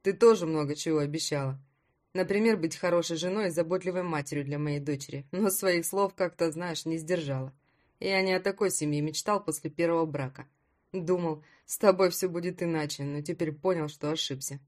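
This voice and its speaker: A woman reading an audiobook voices a cold, dismissive husband in a lowered voice. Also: fairly quick, a little mellow, natural voice. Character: cold, smug husband, adult man.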